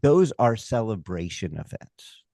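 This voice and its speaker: An American man talking casually in an interview as a stage hypnotist and comedy performer, emphatic and opinionated, halting and using rhetorical asides. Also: on the low side, sing-song, dark tone, dry recording, studio quality.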